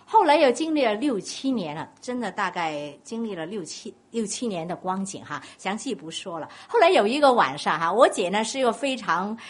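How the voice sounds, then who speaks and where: Woman preacher, Cantonese accent, husky voice, lively swooping pitch, storytelling sermon. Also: brisk, few pauses. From Guangdong, China. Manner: animated storytelling, questions to the congregation.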